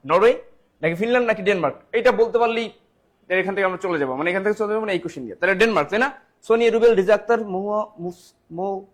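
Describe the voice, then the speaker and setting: A high-pitched man runs a live online exam-prep class. He fires questions at viewers, repeats each answer several times and calls out commenters by name. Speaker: teacher.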